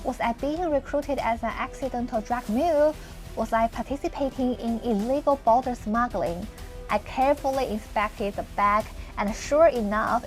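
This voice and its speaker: A woman from mainland China with a mainland Chinese accent, narrating a travel vlog with lively storytelling. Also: fairly high pitch. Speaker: travel vlogger.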